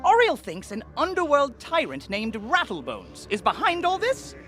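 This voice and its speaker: A woman's voice: high voice, wildly swooping pitch, normal speed, music in the background. A woman playing an eager, fretful helper in a video game, bubbly and chatty as if thinking aloud. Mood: eager, concerned. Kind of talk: video game character acting.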